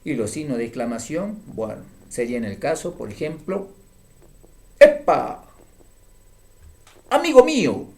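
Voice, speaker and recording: A man's voice: medium pitch, lively intonation, fairly quick, creaky, few pauses, mellow. A man teaching a grammar lesson, explaining patiently and often checking in with short "mm?" tags.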